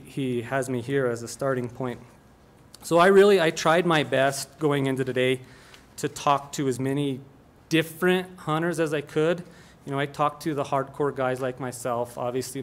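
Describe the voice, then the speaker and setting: A middle-aged man from Colorado, mid-range in voice, gives an earnest, plainspoken public comment at a meeting. He often restarts his sentences.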